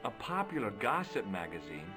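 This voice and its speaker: A man's voice: medium pitch, huge pitch swings, brisk, over loud music. A man voicing a curious young American investigator in a video game, wry and probing, with dry narrating asides.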